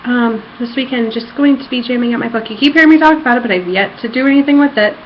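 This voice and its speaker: Talking fast in a fairly high voice, a woman rambles through a casual personal vlog from her apartment room. She's bubbling over with fangirl giddiness. The home recording is dull and lo-fi, with noise in the background.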